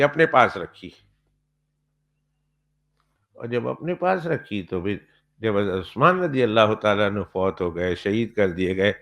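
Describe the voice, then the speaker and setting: A man's voice: mid-range voice, gravelly. A male Islamic cleric telling a story in a sermon, emphatic and full of repeated rhetorical questions.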